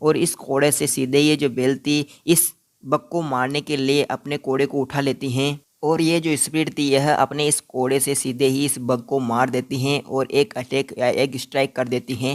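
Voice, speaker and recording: A man narrating an episode recap in a steady, monotone telling, ending with a request to subscribe. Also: medium pitch.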